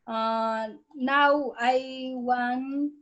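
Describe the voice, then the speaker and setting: High-voiced woman from Nepal moderating. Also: fairly even intonation, a bit bright, muffled recording. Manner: reads bios haltingly, with fillers. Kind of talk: introducing panel speakers. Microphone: video call.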